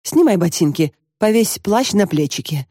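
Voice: mid-range voice, expressive, moderate pace, dark tone, dry recording, clean studio sound, close to an everyday voice. An audiobook narrator voicing an anxious, fussing grandmother in her older years. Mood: fretful. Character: flustered grandmother, older woman.

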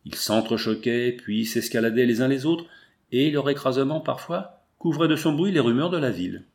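Male narrator for a literary audiobook, gravelly texture, mid-range voice, measured reading. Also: medium pitch, lively intonation.

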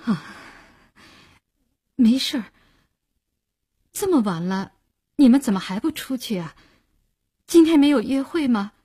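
A woman's voice: a little high, animated, a little slow, pauses often, dark tone, breathy edge, no room sound, studio quality, heavily acted. A woman voicing a weary young landlady. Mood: subdued. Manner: weary, holding back anger.

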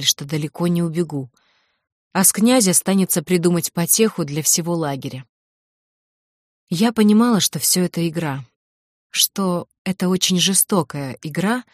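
Woman narrating an audiobook, low and dry. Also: darkish tone, dry recording. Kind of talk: first-person audiobook narration.

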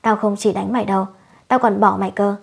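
A woman voicing a sharp-tongued young village wife who scolds and curses shrilly, in a storybook reading. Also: medium pitch, steady tone, fast, gravelly, husky. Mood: furious.

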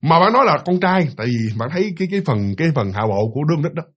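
A man's voice: on the high side, very animated, very fast, fairly bright tone, muffled recording. A man with a Southern Vietnamese accent telling a ghost story in a casual, chatty way, speaking to the listener as "you" and imitating the sounds he describes.

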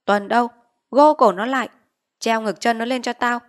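A woman's voice: fairly high pitch, moderate pace, pitched above the performer's own voice, lightly acted. A woman voicing a brutal, bullying male village chief in an audiobook reading, barking orders and threats. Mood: furious.

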